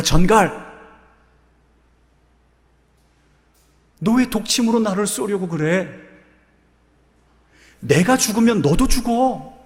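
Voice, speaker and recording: A pastor voicing a startled turtle who scolds a scorpion in a high, sharp voice. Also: male voice, big-room sound. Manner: shrill, scolding.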